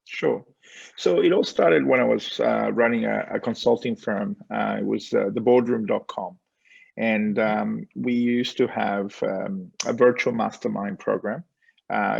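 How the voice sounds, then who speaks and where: A man in his forties from Spain tells his story on a video call. His voice is very gravelly and a little husky, and the sound is dry and slightly dull. He talks loosely, with many ums and small laughs. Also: on the low side, normal speed, darkish tone, no echo. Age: 40s. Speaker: guest, company founder. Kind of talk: casual interview on a call.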